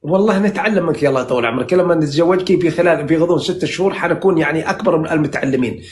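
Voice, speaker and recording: A man in his sixties speaks with a Najdi Saudi accent, rattling on at a very fast clip in a slightly high voice. He rambles and flatters, stacking fillers and restarting his sentences. He is talking into a phone on a live stream. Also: slight background noise. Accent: Najdi Saudi Arabic. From central Saudi Arabia. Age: 60s. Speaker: dream interpreter on a live stream. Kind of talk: casual live chat.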